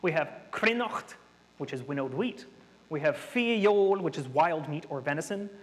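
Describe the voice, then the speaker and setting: Unhurried and expressive, a man with a fairly high voice leads an interactive workshop for an audience in a hall. His explanations come across as chatty and nerdy, and the space sounds reverberant.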